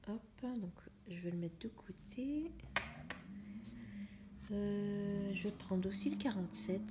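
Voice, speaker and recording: A young woman talks her viewers through her coloring in a quiet, half-whispered way, as if thinking aloud. Her voice sits a little low and sounds mellow and relaxed. It was recorded at home on a phone camera, with a faint hiss underneath. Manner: soft, half-whispered musing while coloring. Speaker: vlogger. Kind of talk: casual coloring vlog chat.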